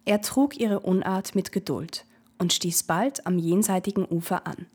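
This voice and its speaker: A woman narrating a classic fairy tale in a measured, clear storytelling manner. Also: lowish voice, a little mellow.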